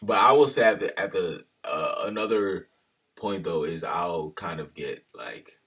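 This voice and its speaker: A man's voice: low-pitched, expressive, a little slow, a bit bright, husky, recorded from a distance. A man talking casually to the camera in a loose, slangy monologue that drifts off on tangents. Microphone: camera held at a distance.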